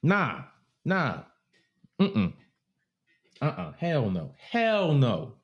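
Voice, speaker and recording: A man's voice: a little high, very slow, lo-fi sound. A man in his thirties co-hosting a podcast, arguing emphatically and with swearing in casual debate. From Baltimore area. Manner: emphatic, animated, profane, repeats himself. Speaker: podcast co-host.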